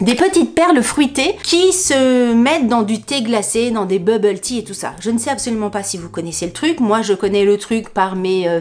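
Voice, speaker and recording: Woman, middle-aged, casual vlog chat, enthusiastic, talkative, mid-pitched voice. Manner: chatty and enthusiastic, with frequent fillers and laughs. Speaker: beauty and lifestyle vlogger.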